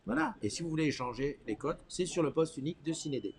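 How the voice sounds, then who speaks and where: A man's voice: fairly high pitch, sing-song, quick pace, creaky. A man hosting a live morning chat in an informal, teasing way, often repeating himself. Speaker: live morning show host.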